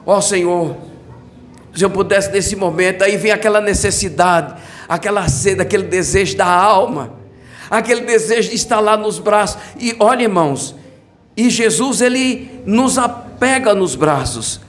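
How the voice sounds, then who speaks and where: Brazilian pastor guy, pretty high voice, fervent sermon, gets shouty, faint hum behind. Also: normal speed. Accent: Brazilian Portuguese. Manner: fervent preaching, rising to shouts, with many hallelujahs. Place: church.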